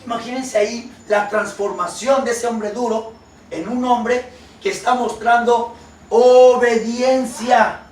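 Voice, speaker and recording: A man preaching a sermon. He reads scripture slowly and then explains it with questions to the congregation. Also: very high-pitched, fairly even intonation, reverberant, far from the mic, slight background noise, poor audio. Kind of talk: sermon with Bible reading.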